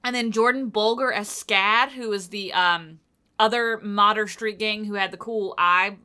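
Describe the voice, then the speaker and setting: A woman's voice: medium pitch, unhurried, bright, forceful tone, smooth. A woman co-hosting a podcast in a casual chat, reading out episode details with lots of fillers, in a morning voice. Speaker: podcast co-host.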